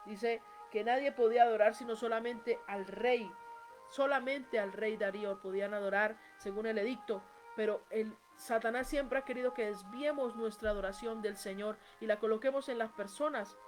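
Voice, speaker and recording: Woman preaching, higher voice. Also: moderate pace, faint music behind. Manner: reads scripture aloud with emphatic rising voice. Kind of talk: sermon.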